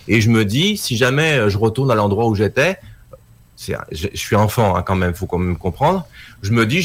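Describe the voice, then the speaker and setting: A man's voice: lowish voice, husky. A middle-aged man, a guest documentary maker, telling a story casually and acting out the voices of the people in it. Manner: animated storytelling, acts out quoted dialogue.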